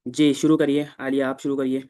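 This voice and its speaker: A man's voice: medium pitch, flat delivery, mellow, clear, resonant tone. A man, teaching a class and explaining step by step with patience. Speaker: Arabic teacher. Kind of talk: classroom lesson.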